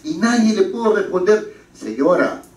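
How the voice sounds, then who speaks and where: Lively male lecturer in an echoey hall. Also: high-pitched, normal speed, recorded from a distance. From Peru. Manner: lively, rhetorical questions, anecdotes. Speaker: parliamentary writing instructor. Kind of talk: classroom lecture.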